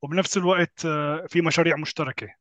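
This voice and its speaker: A man with a Levantine Arabic accent talks in a casual discussion as a co-host, reasoning through measured objections on a slightly dull recording. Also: fairly high pitch, steady tone, pushed and bright, no room sound.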